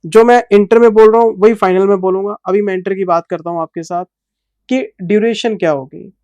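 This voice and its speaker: Male teacher, slow and patient, fatherly toward students; smooth, dry delivery. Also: sits high, steady tone, darkish tone, dry recording, dull audio. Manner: fatherly, calls students "son". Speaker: accounting teacher. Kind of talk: explaining course details to students.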